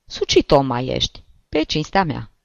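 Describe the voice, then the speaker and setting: A man voicing an old village priest who scolds gently in a folksy, sighing way, in a dull, dry recording of a read-aloud story. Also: mid-range voice, huge pitch swings, creaky, no room sound. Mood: chiding.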